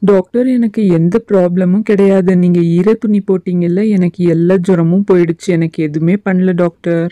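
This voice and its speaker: A woman's voice: lowish voice, level tone, moderate pace, dark tone, dry recording, natural voice. A woman voicing a boy doll who wails and protests against a big injection. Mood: pleading. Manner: wailing, protesting. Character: boy doll Ram, dramatic, afraid of injections. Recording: tinny phone-like sound.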